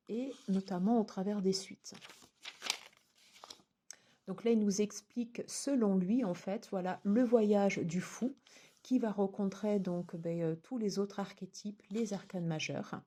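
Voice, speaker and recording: A woman talks through a tarot deck and its guidebook in a relaxed, chatty way. Her voice is warm and mellow at a middle pitch. She often stops, restarts and fills gaps as she goes. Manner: chatty, many fillers and restarts. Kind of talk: casual unboxing review.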